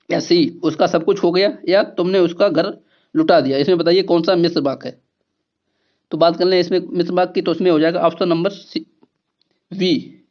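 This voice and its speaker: A man's voice: high voice, muffled recording. Repetitive man teaching exam grammar. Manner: explains step by step, repeats key words, asks rhetorical questions. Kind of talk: exam-prep lesson.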